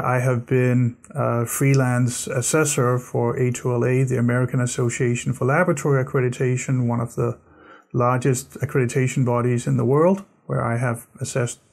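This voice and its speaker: In a studio, a middle-aged man from Denmark delivers a course lecture to the camera, gesturing and frequently repeating words while explaining. His voice is medium-pitched, creaky, and a little mellow.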